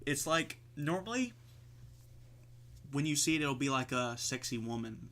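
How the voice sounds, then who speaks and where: Style: casual podcast chat. Sex: man. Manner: rambling, bright tone. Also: medium pitch, lively intonation, measured pace. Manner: rambling, lots of "like" fillers, swears freely. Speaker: podcast co-host.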